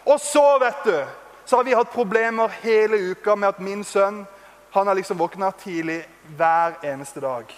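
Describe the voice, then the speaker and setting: A man in his thirties preaching to young people in an animated, conversational sermon, telling stories and laughing at himself. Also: sits high. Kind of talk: lively storytelling sermon. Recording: long reverb of a large hall.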